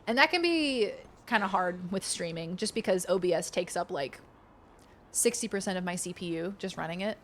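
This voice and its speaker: A woman livestreaming a video game, chatting casually with playful, expressive, giggly commentary. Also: on the low side, normal speed, slight background noise.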